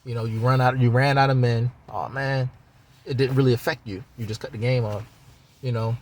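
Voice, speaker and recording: A man's voice: mid-range voice, steady tone, brisk. A rambling, easygoing man. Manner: rambling, loose and profane, with many fillers. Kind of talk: casual spiritual monologue.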